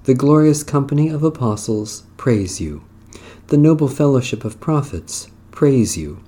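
A man with a dark, mellow voice of middling pitch leads a worship service. He reads prayers, psalms and scripture as a clergyman would, in solemn, measured phrases. His delivery is declamatory and formal, set out line by line. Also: lively intonation.

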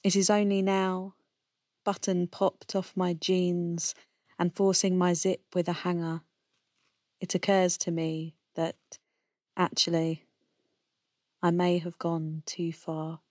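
Slow, low-toned female poet reading. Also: little pitch movement, darkish tone, no room sound, studio quality. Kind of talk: poetry reading.

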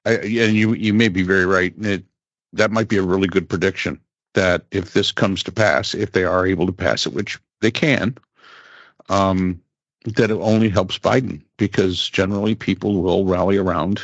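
Low-voiced man, dry muffled sound. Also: moderate pace, no room sound. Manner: animated, retells stories with rising emphasis. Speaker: podcast co-host. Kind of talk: casual political chat.

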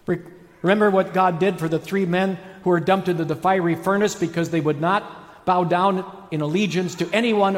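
High-voiced male preacher in an echoing hall. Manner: dramatic emphatic delivery with stretched key words. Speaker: pastor preaching. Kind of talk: sermon. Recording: echoey hall with long reverb.

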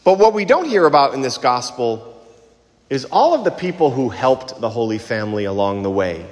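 A man's voice: medium pitch, big pitch swings, moderate pace. Man preaching in cathedral-like echo. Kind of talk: liturgical reading and homily. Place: large reverberant church, cathedral-like echo. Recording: echoey church hall with long reverb.

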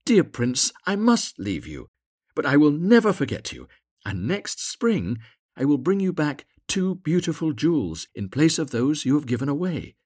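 A man's voice: a little high, big pitch swings, moderate pace, darkish tone, voice pushed up. A man voicing a small, devoted, kind-hearted male swallow in a storybook, speaking earnestly and with exclamation. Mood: wistful, excited.

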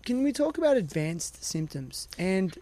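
A man with a fairly high, light voice hosts a podcast interview. He asks long, rambling questions in a loose, chatty way and thinks aloud as he talks. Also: sing-song, a little slow, mellow. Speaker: podcast host. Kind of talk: casual interview chat.

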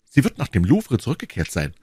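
A scheming, reedy middle-aged husband in a storybook, the male reader putting him on in a high, thin, fawning voice that jumps upward. Dry and close. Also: huge pitch swings, fairly quick, darkish tone, slightly rough, no echo.

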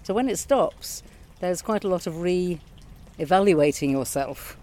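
Mellow-voiced woman in her sixties. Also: lowish voice, expressive, slight background noise. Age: 60s. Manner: thoughtful, measured, reflective. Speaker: retired teacher, guest. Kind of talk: casual conversation. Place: garden outdoors by a pond.

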